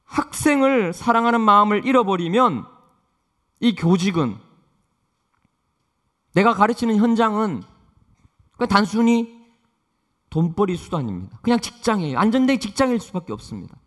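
A man preaches a sermon with a high, very animated voice that rises and falls widely. He tells stories earnestly, swinging between forceful lines and soft, quiet ones. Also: moderate pace, pauses often. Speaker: pastor.

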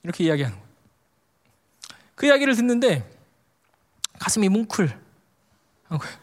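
Preacher, man, high pitched; animated storyteller who acts out quotes; long hall reverb. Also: a little fast. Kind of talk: storytelling sermon.

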